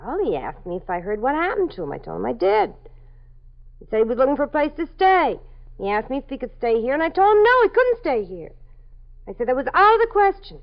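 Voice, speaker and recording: Talking fast and very animatedly in a high voice, this actress portrays a scared young woman being interrogated by police. The 1950s radio drama has her defensive, pleading, and confessing, captured on dull vintage broadcast audio.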